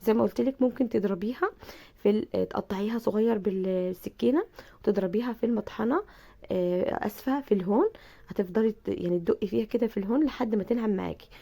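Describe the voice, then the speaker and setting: A woman with an Egyptian Arabic accent, hoarse from a bad cold, chatting through a cooking tutorial and speaking warmly to her viewers. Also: mid-range voice, quick pace. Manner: chatty, repeats herself, addresses viewers affectionately. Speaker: cooking channel host.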